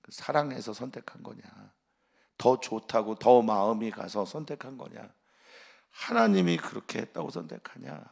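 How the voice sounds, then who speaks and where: A man voicing a furious aging king who scolds his son with accusing, shouted rhetorical questions. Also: mid-range voice, lively intonation, moderate pace, creaky, husky, exaggerated voice.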